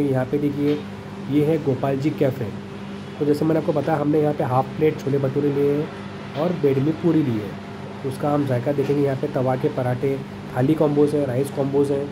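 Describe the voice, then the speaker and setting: A man narrating a casual food review in a small café, chatty and enthusiastic, with some hesitant fillers. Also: mid-range voice. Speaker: food vlogger. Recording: noisy café background.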